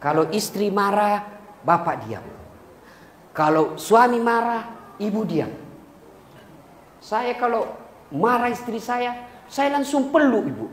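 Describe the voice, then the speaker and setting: A man preaching a humorous sermon to a congregation, lively and joking, sometimes breaking into a few lines of song. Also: high-pitched, takes it slowly, long pauses, a little hiss or hum. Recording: echoey hall with faint ambience.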